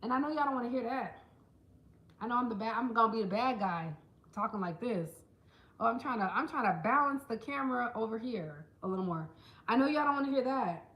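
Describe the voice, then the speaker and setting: A woman vlogger chatting casually to camera, telling stories in an animated way and putting on quick voices for the people she quotes. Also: on the high side, roomy sound, lo-fi sound. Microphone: small handheld camera.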